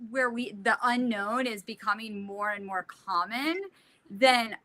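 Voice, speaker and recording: A woman's voice: fairly high pitch, measured pace, pushed and bright, low-quality recording. A woman on a casual panel chat who speaks in an earnest, worried way.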